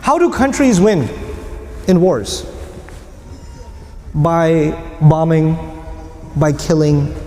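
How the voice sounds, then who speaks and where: A man giving an emphatic, animated Qur'an lecture with storytelling, in a mosque or lecture hall. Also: on the high side, drawn-out words, pauses often. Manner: animated, emphatic, acting out quotes. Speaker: Islamic lecturer. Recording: echoey hall, faint noise.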